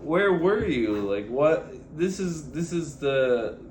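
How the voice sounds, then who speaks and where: A young man co-hosting a podcast, chatting casually and prompting with halting questions. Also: a little high, big pitch swings, darkish tone. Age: young adult. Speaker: podcast co-host. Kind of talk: casual interviewing chat. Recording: echoey room, faint noise.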